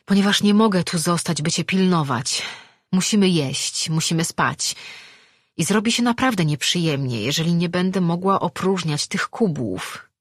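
A woman's voice: lowish voice, lively intonation, normal speed, breathy edge, no room sound, studio quality, voice pushed up. A narrator voicing a compassionate, practical woman healer in an audiobook reading, speaking firmly. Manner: firm and practical.

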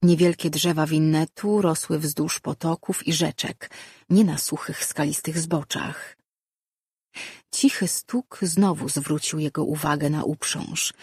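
A man narrating a fantasy audiobook in a calm, even storytelling manner, with a husky voice. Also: a little high, unhurried, no room sound, clean studio sound.

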